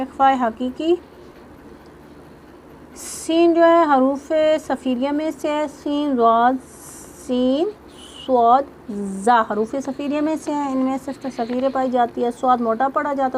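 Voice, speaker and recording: High-voiced woman teaching Quran recitation. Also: fairly even intonation, slight background noise. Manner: explains rules line by line, then recites verses slowly and melodiously. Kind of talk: tajweed lesson with recitation.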